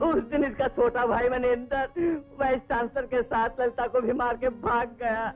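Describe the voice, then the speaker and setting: An actor playing a minister's son in custody, boastful and then begging, with drawn-out, melodramatic delivery, in a Hindi film dub. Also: male voice, very high-pitched, flat delivery. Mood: pleading. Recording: muffled film dub audio over clear music.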